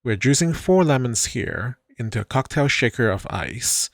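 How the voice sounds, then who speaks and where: A middle-aged man hosting his own channel, calmly explaining how he makes a drink in a voice-over, with a light self-mocking touch. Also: medium pitch, moderate pace, dry recording, clean studio sound. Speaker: channel host. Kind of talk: voice-over narration of a drink-making video.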